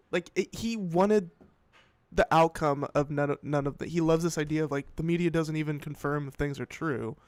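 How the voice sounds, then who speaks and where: A man hosts a casual commentary show with a slightly high, smooth, clear voice. He rambles, swears freely and trips over his own restarts while reacting to the headlines he reads. The sound is dry and close, with no room around it. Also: a little mellow, no echo. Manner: rambling, profane, self-interrupting. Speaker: podcast host.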